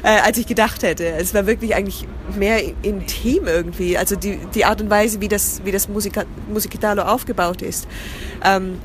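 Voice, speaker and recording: With few pauses and a fairly quick pace, a woman's mid-range, steady voice comes through a little hiss or hum. She is a southern German theatre company founder appearing as a guest in a casual interview, often restarting, fishing for words and dropping into English.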